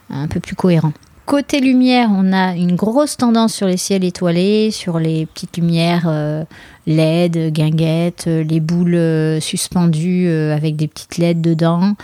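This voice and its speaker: A woman who plans weddings, giving casual advice in a chatty way with many small pauses and asides. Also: fairly low pitch, warm tone, no room sound. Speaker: wedding planner. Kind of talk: casual podcast talk.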